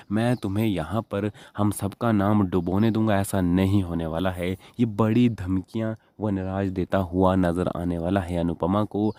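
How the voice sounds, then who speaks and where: With a low-pitched, warm voice and no echo, a man reads a scripted gossip-news-style voice-over about soap spoilers, backed by music. As the channel's narrator for TV serial gossip, he keeps repeating points to stir up suspense.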